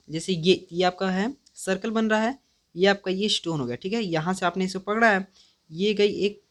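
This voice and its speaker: Teen guy going over his exam answers, lots of um and restarts, thinking out loud. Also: high-pitched. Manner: thinking aloud, hesitant, many fillers and self-corrections. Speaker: student reviewing an exam paper. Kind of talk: casual walkthrough of exam answers.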